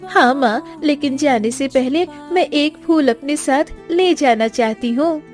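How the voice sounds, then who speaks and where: A woman's voice: sits high, a little slow, faint music behind. A woman voicing a playful, teasing younger sister in a cartoon story, with a cheeky way of talking.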